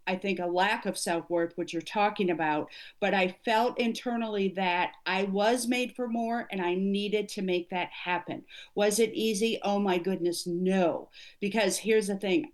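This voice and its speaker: A middle-aged woman, an executive coach, speaking earnestly and emphatically as an interview guest. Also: mid-range voice. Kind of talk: conversational interview.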